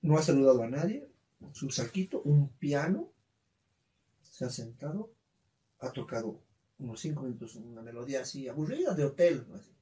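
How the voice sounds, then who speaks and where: A man's voice: medium pitch, normal speed, pauses often. A man with a Bolivian accent, co-hosting a podcast and telling a story in casual, slangy chat. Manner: animated, laughing, slangy storytelling. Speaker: podcast co-host. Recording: roomy, distant from the mic.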